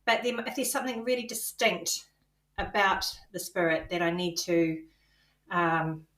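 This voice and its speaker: A woman's voice: fairly low pitch, a bit bright. A British woman co-hosting a podcast, chatting casually about spiritual experiences, with frequent ums and easy laughter. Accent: British English. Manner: laughs easily, halting with many ums. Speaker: podcast co-host. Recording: echoey, boxy room sound.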